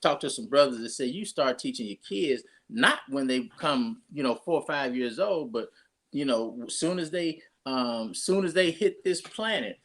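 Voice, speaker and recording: A man's voice: mid-range voice, lively intonation, moderate pace. A pastor, talking casually and rambling through his introduction of a guest with many restarts.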